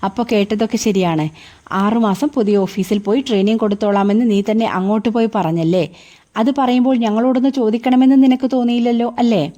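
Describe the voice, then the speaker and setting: A woman's voice: fairly high pitch, steady tone, a little fast, warm tone, close to an everyday voice. Woman reading a hurt, angry young man. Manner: reproachful, pressing. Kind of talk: audiobook character reading.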